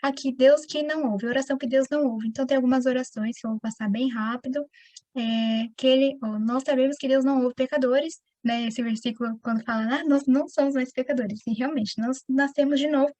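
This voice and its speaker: With a Brazilian Portuguese accent, this woman preacher teaches the Bible in a lively, conversational style, frequently speaking straight to her listeners. Her voice is high and brisk, and the recording is dry.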